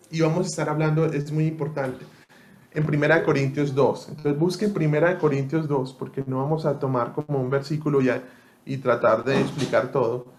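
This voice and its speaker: A man's voice: on the high side, a little hiss or hum. Man teaching the Bible online. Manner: conversational, asks listeners often.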